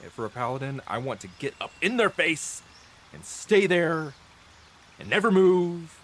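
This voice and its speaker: A man's voice: a little high, big pitch swings, unhurried, fairly bright tone. Coughing man with a dry throat. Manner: chatty, rambling, restarts and self-corrections, thinks aloud. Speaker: gameplay streamer. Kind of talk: explaining game mechanics while playing. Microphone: close desk mic.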